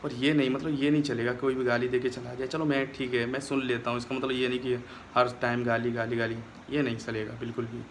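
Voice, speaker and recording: A man's voice: mid-range voice, level tone, fast talker, hardly any pauses, slight background noise. A young man talking straight to his phone camera in a casual vlog, aggrieved and complaining as he retells a quarrel. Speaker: vlogger.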